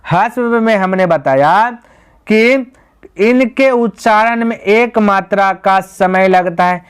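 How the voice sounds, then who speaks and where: Here a man with a high-sitting, clear, resonant voice teaches grammar. He guides students step by step, asks them rhetorical questions only to answer them himself, and calls them "my brother."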